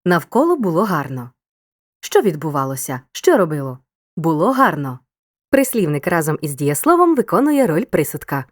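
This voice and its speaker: A woman narrating a scripted school grammar lesson in a clear, upbeat, encouraging teacher's tone. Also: sits low, sing-song, moderate pace.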